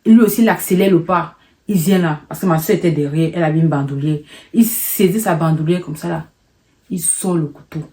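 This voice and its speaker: A young woman telling a personal story in a casual vlog, animated and emotional, repeating words for effect. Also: low voice, a little fast.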